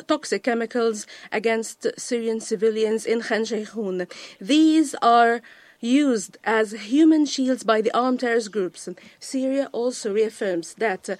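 A woman delivers a live translation voice-over as an interpreter, her pitch a touch high. She hesitates and fills pauses as she works, and the sound is dry and close. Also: no room sound. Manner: hesitant, with fillers. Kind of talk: simultaneous interpretation.

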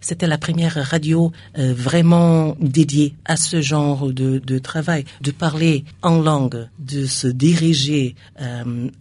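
A woman's voice: deep voice, steady tone, slow, few pauses, mellow. A woman with a foreign accent in French, a non-native speaker searching for words in a conversational interview. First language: not French. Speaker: radio station staff member being interviewed.

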